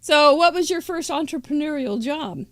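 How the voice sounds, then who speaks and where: Chatty high-voiced woman host. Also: lively intonation, normal speed, dry recording, clean studio sound. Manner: chatty and upbeat, laughs often. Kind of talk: live crafting show chat.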